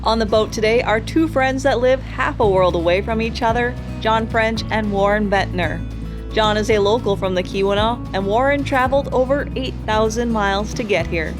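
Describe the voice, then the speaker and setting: A woman's voice: fairly high pitch, normal speed, over music. A woman host reading scripted documentary narration.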